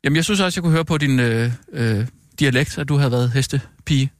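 A man's voice: medium pitch, no room sound, studio quality. A man co-hosting a comedy podcast, talking hesitantly with many fillers and doubtful questions. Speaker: podcast co-host. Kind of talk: improvised comedy banter.

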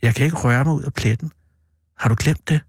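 A man reading aloud and voicing a weakened older brother who speaks softly and consolingly. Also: mid-range voice, husky, no room sound, studio quality, lightly acted. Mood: gentle. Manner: soft, calm, consoling. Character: gentle, weakened older brother, calm and tender.

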